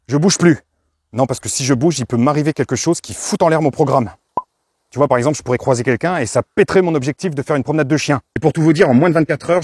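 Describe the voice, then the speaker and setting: A man's voice: on the high side, a little mellow, no room sound. A man vlogging outdoors while walking his dog, telling everyday stories in a wry, self-mocking, chatty way. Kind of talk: casual storytelling vlog.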